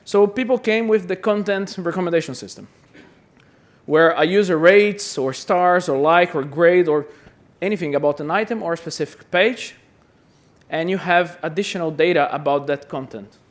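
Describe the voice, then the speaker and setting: At a conference hall, a man from Brazil presents in a fairly high voice at a moderate pace. He sounds chatty and self-deprecating, and words frequently get repeated as he speaks.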